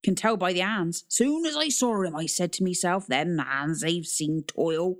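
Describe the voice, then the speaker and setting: A woman's voice: fairly low pitch, expressive, a little slow. A woman voicing a drunken old male sea captain who drops his h's and rambles with chuckles. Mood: jovial.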